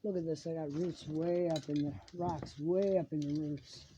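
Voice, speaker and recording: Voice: mid-range voice, fairly even intonation, moderate pace, dark tone, dull audio. A home gardening vlogger giving a casual hands-on demonstration, chatty and rambling as they work, filmed partly outdoors on a handheld phone. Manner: chatty and rambling, talks while working. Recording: noisy home video with handling clicks.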